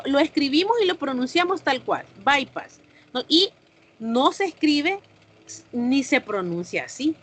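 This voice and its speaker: A woman's voice: a little high, a bit bright, a little hiss or hum. A woman teacher explains the lesson to her online class and stops to put questions to them.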